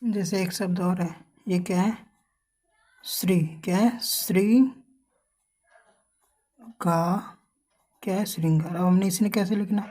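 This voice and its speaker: A woman's voice: on the low side, steady tone, dark tone. A woman teaching how to spell names, asking questions to the viewer and drawing out each letter. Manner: slow, drawn-out spelling with quiz questions to the viewer. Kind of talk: spelling lesson for learners.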